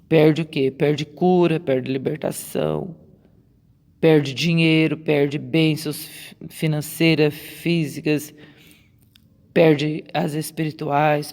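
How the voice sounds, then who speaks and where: Brazilian lady preacher, slow and gravelly, repeats herself a lot, echoey reverb. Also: low voice, darkish tone. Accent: Brazilian Portuguese. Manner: repetitive, emphatic, asks rhetorical questions. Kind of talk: sermon on a Bible story. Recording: long reverb.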